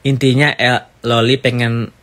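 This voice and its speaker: Bright-voiced chatty gossip man. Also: medium pitch, measured pace. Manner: chatty, rambling, animated. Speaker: gossip commentator. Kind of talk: casual gossip commentary.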